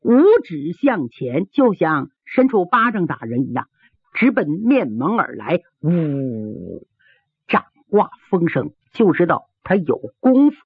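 A woman's voice: on the low side, sing-song, unhurried, husky, dry recording. A woman telling a traditional martial arts story dramatically, with vocal sound effects and rhythmic listing, on a tinny old radio broadcast. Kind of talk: traditional Chinese pingshu storytelling.

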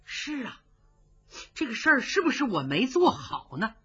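A woman voicing a quick-tempered male emperor who barks stern orders. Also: fairly high pitch, wildly swooping pitch, a bit bright, husky, heavily acted. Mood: uneasy. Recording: dull lo-fi recording.

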